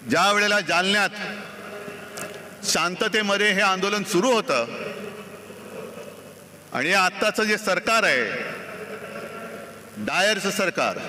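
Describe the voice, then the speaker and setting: A man's voice: high-pitched, bright, forceful tone, a little hiss or hum. A middle-aged man giving an emphatic, sarcastic speech to a large outdoor rally. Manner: emphatic, sarcastic oratory with long pauses. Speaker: political party leader addressing a rally. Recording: echoey open-air PA sound.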